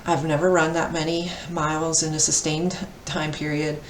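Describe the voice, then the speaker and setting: Speaking at normal speed with a flat delivery and a voice that sits low, a vlogger aged fifty chats casually about her running as an amateur ultra runner. The mic is distant, so the audio is echoey with a faint layer of noise.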